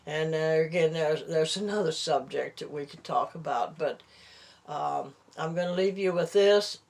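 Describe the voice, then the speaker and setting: A woman of about eighty talking casually and haltingly in a personal vlog, her lips over her gums with few teeth, slightly slurring her words. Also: low voice, vocal fry, darkish tone. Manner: slow, halting, rambling delivery. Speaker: vlogger.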